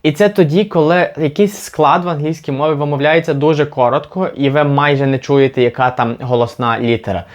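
A man from Ukraine teaching an English lesson, patiently repeating example words slowly to demonstrate them. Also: fairly high pitch, steady tone. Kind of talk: language lesson.

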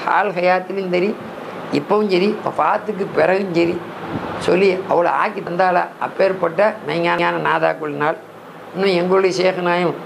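A man preaching a devotional sermon, his voice pitched high with a gravelly, creaky edge. He tells his stories at length and puts questions to his listeners, then answers them himself. Faint noise sits under the recording. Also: low-quality recording. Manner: storytelling, acts out dialogues and drills questions. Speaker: Sufi shaikh giving a Ramadan discourse.

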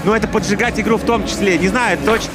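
High-voiced male hockey commentator over crowd. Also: steady tone, rapid-fire. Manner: conversational, opinionated analysis. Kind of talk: live sports commentary. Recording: music and loud crowd behind. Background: music and arena crowd.

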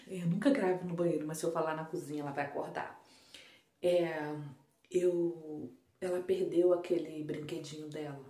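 Hushed Brazilian woman vlogging at home. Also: on the low side. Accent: Brazilian Portuguese. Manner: speaking softly and hushed, chatty asides to viewers. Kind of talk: casual home vlog. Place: indoors at home, bedroom and bathroom.

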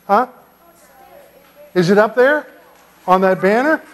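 Older guy pastor doing a kids' sermon, fairly high voice, big echoey church. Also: animated, slow. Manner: gentle questioning of children, playful. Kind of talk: children's sermon. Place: large church sanctuary. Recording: long church reverb.

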